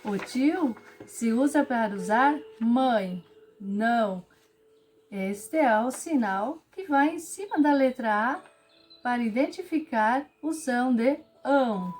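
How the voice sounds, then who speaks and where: A woman teacher, explaining a lesson patiently and clearly to children and acting out example sentences with lively intonation. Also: a little high, slow, faint music behind. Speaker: special education teacher.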